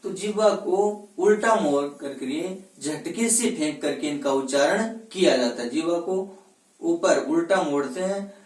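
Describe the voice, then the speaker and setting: A man teaching Hindi grammar in a classroom-style lecture. He asks questions and answers them himself, and he sounds out letters slowly one at a time. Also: on the high side. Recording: echoey room, voice from a distance.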